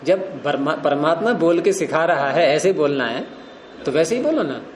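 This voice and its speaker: Male grammar teacher, fairly high voice, quizzing students, roomy echo. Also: expressive, normal speed, a little hiss or hum. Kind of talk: classroom teaching.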